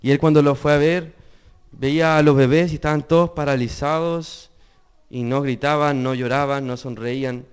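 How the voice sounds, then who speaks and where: A man's voice: on the high side, fairly even intonation, normal speed, clean tone. A young man preaching a sermon, earnest, asking the congregation questions.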